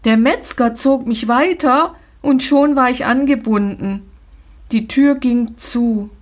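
Slow, measured storybook reading by a woman. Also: fairly high pitch. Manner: calm, measured first-person telling. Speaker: audiobook reader. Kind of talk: storybook narration.

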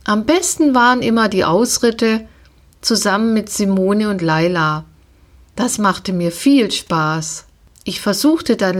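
Woman reading a storybook, slow and lively. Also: mid-range voice. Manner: expressive, unhurried. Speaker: narrator.

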